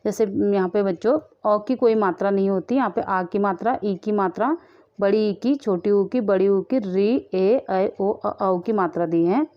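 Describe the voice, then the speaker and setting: A woman teaching a children's lesson with a patient, steady manner. She repeats each example word slowly and answers the questions she asks herself. The recording sounds a little muffled and lo-fi. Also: mid-range voice. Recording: muffled lo-fi audio.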